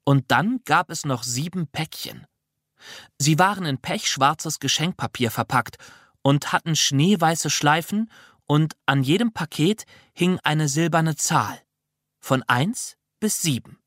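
A reader narrating a children's audiobook in an expressive, lively way. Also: medium pitch, slow pace, no room sound, clean studio sound.

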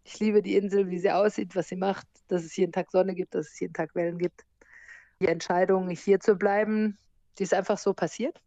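A woman in her forties, born in America and raised in Germany, talking about her life abroad in a relaxed interview and laughing now and then. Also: medium pitch, brisk, dry recording, dull audio. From born in the US, grew up in Germany. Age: 40s. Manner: lively, laughs often while telling stories. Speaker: interview guest, surf instructor and hostel owner.

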